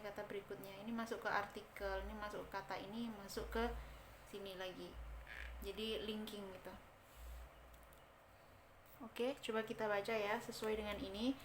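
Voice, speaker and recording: A woman giving a casual pronunciation lesson, chatty, slowly repeating words to demonstrate sounds. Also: mid-range voice, a bit bright, a little hiss or hum. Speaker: English teacher.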